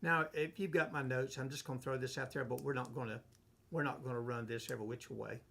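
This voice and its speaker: A man, a pastor, leading a relaxed Bible study, reading verses aloud and explaining them, asking and answering his own questions. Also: mid-range voice, creaky. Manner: unhurried, asks himself questions and answers them. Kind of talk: conversational Bible teaching.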